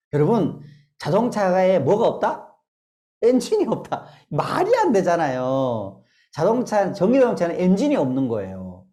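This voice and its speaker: Animated Korean woman leading laughter therapy. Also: fairly low pitch. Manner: animated, bursts into forced laughter drills. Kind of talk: lively lecture with call-and-response. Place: lecture hall.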